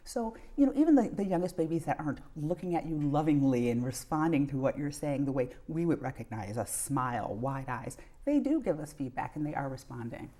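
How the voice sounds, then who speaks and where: A woman's voice: low voice, sing-song, a little fast, few pauses, warm tone. A middle-aged woman, a pediatrician giving earnest explanations with examples as an interview guest. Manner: earnest, illustrates points with examples.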